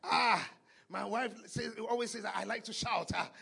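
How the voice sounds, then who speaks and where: Male preacher, high and bright, with a husky edge. Fervent and shouting, with an "ah" after every line. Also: moderate pace. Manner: fervent, shouting, punctuating lines with "ah" and "hallelujah". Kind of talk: sermon with live interpretation.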